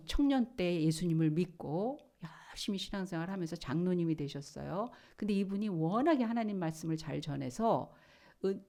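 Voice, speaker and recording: A middle-aged woman pastor delivers a sermon in a lowish, mellow voice. She tells her story with drama, crying out quoted lines and then sinking to a hushed whisper. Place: church.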